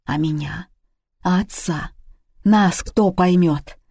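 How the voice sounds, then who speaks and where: A woman's voice: lowish voice, slow pace, creaky, warm tone, husky, no echo, studio quality, exaggerated voice. A woman reading the part of an aging, worried mother who speaks curtly and reproachfully in a story. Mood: cold. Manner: curt and reproachful, then sobbing laments.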